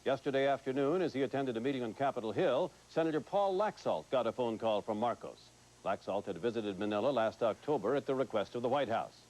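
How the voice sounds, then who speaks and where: A man anchoring a TV news broadcast in a measured, clear delivery. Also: mid-range voice, lively intonation, darkish tone, poor audio.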